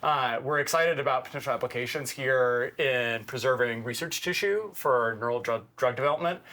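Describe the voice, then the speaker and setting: A man, a company cofounder, explaining his work clearly in a casual interview. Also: mid-range voice, normal speed, bright, forceful tone. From Denver, Colorado. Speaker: cofounder and CSO.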